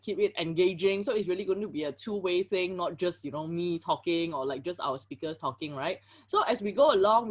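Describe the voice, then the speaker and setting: A woman's voice: mid-range voice, breathy edge. A woman hosts a live webinar over a video call. She talks casually and fills her sentences with "you know" and "like" as she greets people and keeps things moving. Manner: chatty, filler-heavy, greets viewers and reads chat aloud. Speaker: webinar host.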